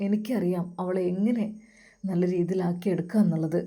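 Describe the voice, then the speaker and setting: A woman voicing a heartbroken young man who talks softly and low, almost whispering. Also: brisk. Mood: sad. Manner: soft, low and subdued, near a whisper. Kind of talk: storytelling with acted dialogue.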